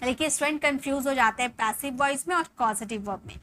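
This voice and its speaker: A woman, a native Hindi speaker, teaching English online, explaining in Hindi mixed with English and slowly drawing out each example sentence. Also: high-pitched, bright, forceful tone, slight background noise. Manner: slow, drawn-out dictation of example sentences. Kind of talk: online spoken English lesson.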